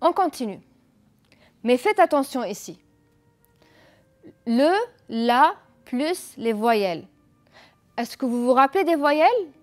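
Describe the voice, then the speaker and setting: A woman's voice: high-pitched, lively intonation, slow, pauses often, a little mellow, soft background music. A woman teacher giving a televised school lesson, explaining patiently, asking pupils questions and praising their answers. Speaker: French teacher.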